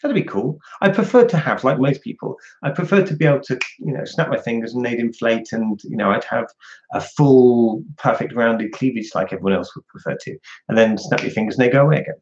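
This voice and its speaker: A man's voice: mid-range voice, expressive, a little fast, a little mellow, a little hiss or hum. A man hosting a casual livestream, chatting frankly and answering viewer questions from home. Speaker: livestream host. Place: at home indoors. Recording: dull lo-fi home stream audio.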